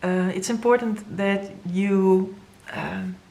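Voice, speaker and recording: A woman with a Dutch first language giving an earnest, halting tarot reading to viewers, with many fillers and moments where she grows emotional. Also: mid-range voice, fairly even intonation, mellow. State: emotional, near tears. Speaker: tarot reader.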